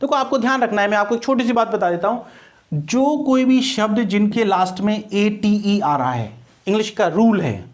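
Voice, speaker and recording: A man's voice: high voice, animated, moderate pace. Indian man teaching English grammar. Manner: explains patiently, repeats points and quizzes the listener. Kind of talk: grammar lesson for exam students.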